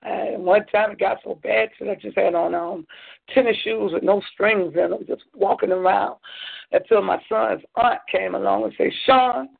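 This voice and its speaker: A woman's voice: medium pitch, fairly even intonation, normal speed, gravelly, husky. A woman giving an earnest personal testimony as a guest on a call-in show, often repeating her phrases. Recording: phone line.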